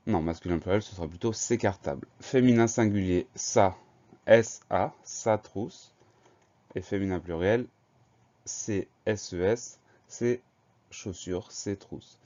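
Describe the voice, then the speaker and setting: A man's voice: fairly low pitch, mellow, lo-fi sound. A man teaching a children's spelling lesson, patiently explaining words and spelling them out letter by letter.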